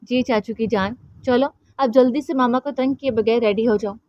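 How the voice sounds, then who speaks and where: A woman voicing a doting young uncle who speaks gently and coaxingly to his nephew. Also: on the high side, steady tone, moderate pace, dry recording, muffled recording, natural voice. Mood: fond.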